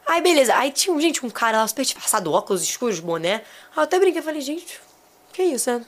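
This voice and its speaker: A young Brazilian woman tells a story as a guest on a casual podcast. She is chatty and animated and acts out the quotes. Her voice sits a little high and her words come out quickly. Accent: Brazilian Portuguese. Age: young adult. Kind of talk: casual chat, telling a travel story.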